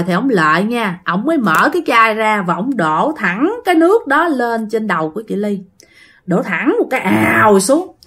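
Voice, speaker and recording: A woman's voice: fairly high pitch, a bit bright. A woman with a Southern Vietnamese accent telling a ghost story in a chatty, casual way and talking straight to her listeners. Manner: chatty, addresses listeners directly.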